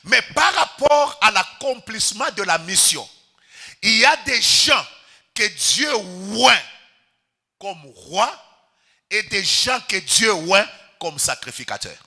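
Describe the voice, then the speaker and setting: A man's voice: high voice, big pitch swings, takes it slowly, pushed and bright. A Congolese pastor preaching a sermon in church, calling out to the congregation and stretching his key words for emphasis. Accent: Congolese French.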